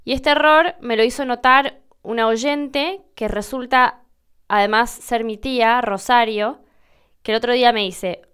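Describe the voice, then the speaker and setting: Rioplatense woman host, young adult, chatty explainer, very smooth and clear voice, slightly high. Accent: Rioplatense Spanish. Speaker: podcast host. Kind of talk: casual explanatory monologue.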